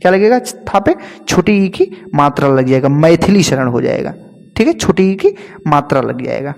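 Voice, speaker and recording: A man's voice: on the high side, very animated, moderate pace, vocal fry, a little mellow, in a large hall. A young man teaching spelling for an exam, naming each wrong form, then the right one, and asking the class to repeat it. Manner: contrasts wrong and right forms, then asks "क्या होता है?" and answers himself. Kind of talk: spelling lesson, call-and-repeat drilling.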